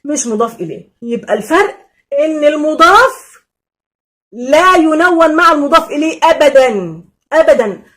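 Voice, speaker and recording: An Egyptian woman teaching Arabic grammar in a casual, lively way, repeating key points and answering imagined student questions. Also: sits high, moderate pace, long pauses. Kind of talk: casual classroom explanation.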